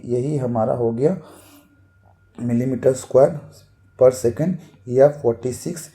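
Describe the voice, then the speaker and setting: A man's voice: medium pitch, warm tone. A man giving a casual technical lesson, repeating terms and saying "thik hai" after nearly every point. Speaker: technical instructor.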